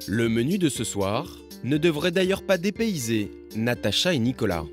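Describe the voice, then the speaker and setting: Lively-voiced male documentary narrator over music. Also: medium pitch, moderate pace. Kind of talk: scripted narration. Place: studio voice-over.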